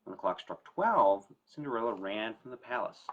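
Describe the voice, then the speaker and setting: Here the attorney-host speaks at a normal speed in a lowish, expressive voice; the recording has its highs cut off and carries a little hiss or hum. He gives an informal educational story time talk on estate planning to camera, conversational and emphatic.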